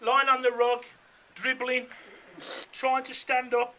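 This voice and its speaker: Male, middle-aged; piercingly bright, high-pitched voice; jokey, conversational wedding speech. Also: completely flat delivery, slow, slight background noise. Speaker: father of the bride giving a speech. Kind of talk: informal wedding speech with comic anecdotes. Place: room full of wedding guests.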